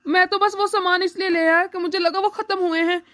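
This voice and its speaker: A woman's voice: very high-pitched, steady tone, fairly quick, a bit bright. A woman playing an earnest grown son in a cartoon. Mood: apologetic. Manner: earnest, outraged. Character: grown son and brother, earnest, hot-tempered then apologetic. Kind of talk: cartoon voice acting.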